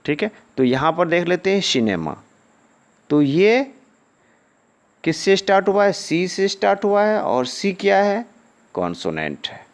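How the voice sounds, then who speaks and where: A male teacher giving a lesson. He asks the class questions, answers them himself with a low falling word, and drills pronunciation syllable by syllable. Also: sing-song, measured pace, pauses often. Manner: sing-song, swooping intonation.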